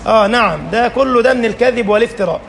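A man's voice: very high voice, rapid-fire, creaky, fairly bright tone, slight background noise. A man with an Egyptian Arabic accent gives a colloquial sermon, emphatic and full of rhetorical questions. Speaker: preacher.

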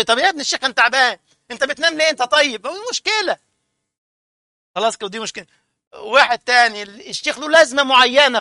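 A man with an Egyptian accent giving a lively, informal sermon and mocking people who imitate others. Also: very high-pitched, no echo, studio quality. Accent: Egyptian Arabic. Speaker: preacher.

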